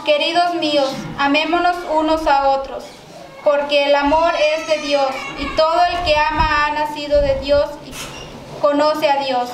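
A woman with a Mexican accent leading liturgical prayers and readings at a church mass, in a measured recited cadence with occasional restarts. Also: high voice, flat delivery. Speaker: lay prayer leader. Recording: very echoey church with background noise.

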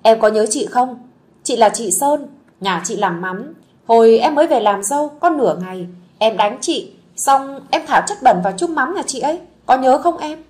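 A woman's voice: a little high, lively intonation, normal speed, a little mellow, natural voice. A woman voicing a blunt, coarse, gossipy village wife. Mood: coaxing.

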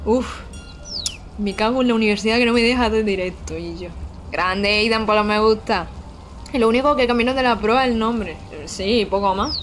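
A woman's voice: a little high, normal speed, a little hiss or hum. A young woman chatting casually with her live-stream viewers while playing, frank and swearing casually. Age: young adult.

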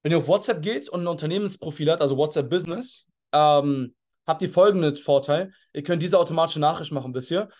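Pushy high-voiced man coaching a call. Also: fairly quick. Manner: energetic, pushy, slangy, mixes in English words. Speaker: network marketing mentor. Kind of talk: coaching talk on a video call. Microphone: video call.

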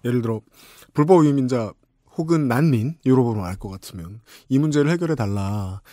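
A man's voice: mid-range voice, lively intonation, warm tone, no echo, clean studio sound. A man hosting a talk show, chatting conversationally and answering his guest with short murmurs. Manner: conversational, quick back-channel murmurs. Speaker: podcast host. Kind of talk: casual talk show chat.

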